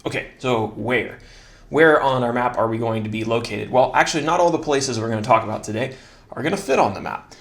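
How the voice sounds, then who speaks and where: A man walks through a Bible chapter in a relaxed, conversational teaching style. His voice sits at an ordinary middle pitch, and he keeps things light, poking fun at his own stumbles as he goes. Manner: relaxed, self-deprecating, laughs at his own slips. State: slightly out of breath. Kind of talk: casual Bible study lesson.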